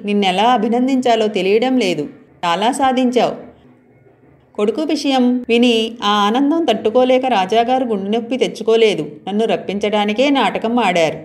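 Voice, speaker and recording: A woman's voice: mid-range voice, a little mellow. Woman reading a romance story aloud. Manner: voices the dialogue of both lovers in her own voice.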